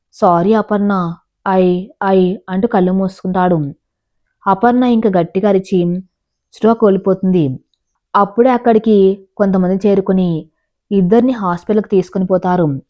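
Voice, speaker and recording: A woman telling a dramatic story in calm, measured narration, voicing quoted lines without changing her voice. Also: mid-range voice. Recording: dull lo-fi recording.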